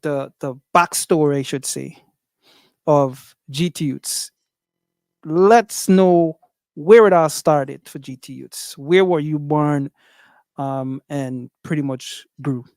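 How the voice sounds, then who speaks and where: Slow-talking male interview host. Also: a little high, darkish tone, clear, resonant tone, no echo. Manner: unhurried, affirming with "mm" and "nice". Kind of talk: casual interview hosting.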